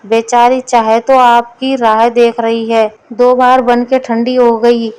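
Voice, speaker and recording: A woman's voice: on the high side, flat delivery, slow, a little mellow, smooth, low-quality recording. A woman voicing a cheeky, literal-minded male servant answering his master back in a storybook.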